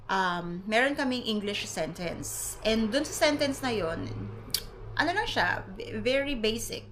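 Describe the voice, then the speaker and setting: A young adult woman from the Philippines, a foreign English teacher, telling a casual vlog story in an animated way, laughing often and mixing English into her talk. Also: mid-range voice, a little hiss or hum.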